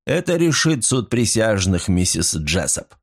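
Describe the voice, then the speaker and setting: A man's voice: lowish voice, very animated, unhurried, gravelly, husky, exaggerated voice. A man voicing a stern male detective who speaks in clipped, emphatic sentences in an audiobook.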